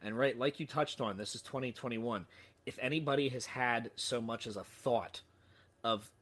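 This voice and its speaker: A man's voice: medium pitch, normal speed, fairly bright tone. A man telling a story as a podcast guest, with lots of restarts, casual swearing and self-deprecating humor. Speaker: podcast guest, sales trainer.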